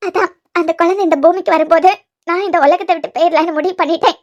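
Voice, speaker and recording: A woman's voice: fairly even intonation, quick pace, a little mellow, dull audio. A woman voicing a heartbroken, scheming young woman in a cartoon serial. She speaks with a Kanyakumari Tamil accent and sounds tearful and self-pitying. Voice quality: very high-pitched.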